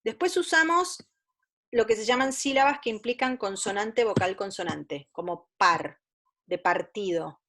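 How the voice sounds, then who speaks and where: A woman's voice: on the high side, normal speed, fairly bright tone. A woman psychopedagogue giving an explanatory lecture to parents, patiently listing items one by one and now and then stumbling and correcting herself. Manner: patient, methodical, lists items step by step.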